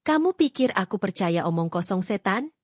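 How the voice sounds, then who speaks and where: A woman's voice: medium pitch, big pitch swings, normal speed, dry recording, clean studio sound. A woman voicing a scheming husband who is exposed and turns angry and menacing in a read-aloud story. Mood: furious. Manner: shouting, menacing.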